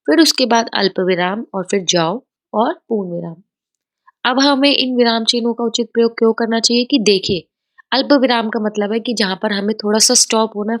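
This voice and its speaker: A woman teaching a grammar lesson over slides, explaining patiently and mixing in English words. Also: a little high.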